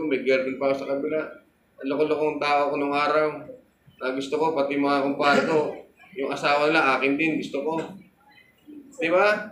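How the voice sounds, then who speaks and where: A man's voice: fairly high pitch, a bit bright, reverberant, a little hiss or hum, low-quality recording. A man preaching a sermon as pastor, telling a story and calling out to the congregation for amen.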